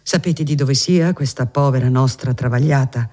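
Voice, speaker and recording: A man voicing a gentle, fervent elderly cardinal who speaks with earnest tenderness. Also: medium pitch, normal speed, close to an everyday voice. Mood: urgent.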